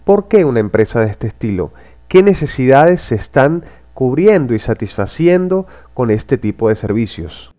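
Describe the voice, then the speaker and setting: Male podcast host, formal and measured, mellow tone. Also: mid-range voice, sing-song. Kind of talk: interview podcast.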